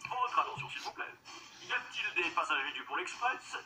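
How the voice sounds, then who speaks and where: A man voicing a stern train conductor who makes formal, deadpan announcements over a train loudspeaker. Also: sits high, a little fast, soft background music, heavily acted. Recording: echoey, distant announcement with faint crowd and noise.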